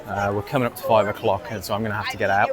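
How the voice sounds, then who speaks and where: A man's voice: lowish voice, flat delivery, very fast. A man chatting casually to camera as he vlogs outdoors in a theme park, upbeat and self-mocking. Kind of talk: casual vlog chat.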